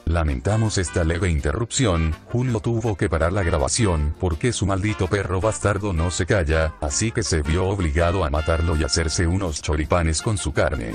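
A man plays a solemn mock broadcast announcer who reads a stiff, formal notice in a deadpan tone. His voice sits very low, and soft music plays faintly underneath. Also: normal speed, few pauses, close to an everyday voice.

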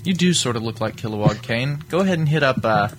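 Guy hosting a podcast chat, teasing and excitable, faint hiss behind. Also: mid-range voice, quick pace. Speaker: podcast host. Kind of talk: casual chat.

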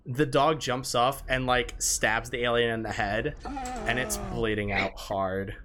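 A man narrating as game master of a tabletop game, loose and halting, with many fillers. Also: mid-range voice, fairly even intonation, music in the background.

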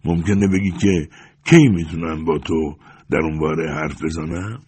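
A man's voice: very deep voice, darkish tone, husky, no room sound. A man voicing an old wandering beggar who speaks in short, earnest, plain phrases, in an audiobook reading.

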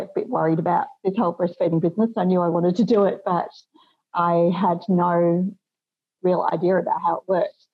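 Brief: woman, slightly low voice, phone-like tinny sound, reflective. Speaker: interviewee. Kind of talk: casual interview chat.

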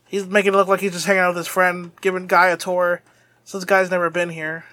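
A man's voice: sits high, level tone, brisk, pushed and bright, no room sound. A young man co-hosting a podcast, chatting casually and animatedly, laughing often and swearing freely. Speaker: podcast co-host. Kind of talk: casual anime recap chat.

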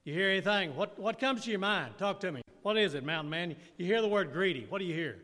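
A man's voice: sits high, lively intonation, fast talker, fairly bright tone, long reverb tail. A man preaching a conversational sermon who keeps turning questions back to his listeners. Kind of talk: interactive sermon.

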